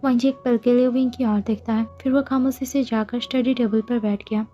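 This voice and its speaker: A woman with a slightly high, mellow voice narrates a fan fiction story at a steady pace. The sound is dull and lo-fi. Soft music plays underneath. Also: fairly quick.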